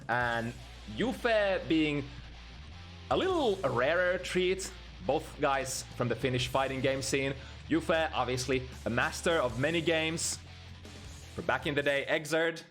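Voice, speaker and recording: A man commentating a fighting game tournament, excitable, his voice jumping high at the big moments. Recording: game music behind commentary. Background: game music.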